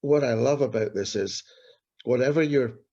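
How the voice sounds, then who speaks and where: Gravelly man, earnest storytelling. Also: medium pitch, normal speed, dark tone. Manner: earnest, repeats key phrases. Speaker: street pastor. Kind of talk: storytelling in an interview. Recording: dull lo-fi recording.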